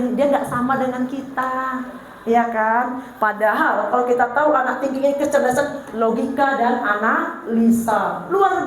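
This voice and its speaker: A middle-aged woman with a Banjar accent giving a lively, humorous parenting seminar to an audience, animatedly acting out funny anecdotes about her husband. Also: sits high. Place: large hall with an audience. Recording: very echoey hall, faint noise.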